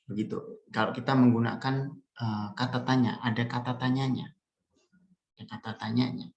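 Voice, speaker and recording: Male teacher, patient, drills phrases slowly; mid-pitched voice in a roomy space. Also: little pitch movement, vocal fry, muffled recording. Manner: patient, models sentences slowly and deliberately. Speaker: language teacher. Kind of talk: online language lesson. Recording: roomy echo.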